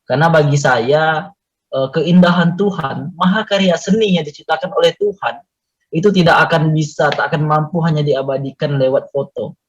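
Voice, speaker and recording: A man's voice: on the high side, steady tone, moderate pace, husky. A man speaking earnestly and reflectively as a guest in an online community meeting, with frequent fillers, heard over a video call. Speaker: guest poet and mountain climber. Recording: muffled online call audio.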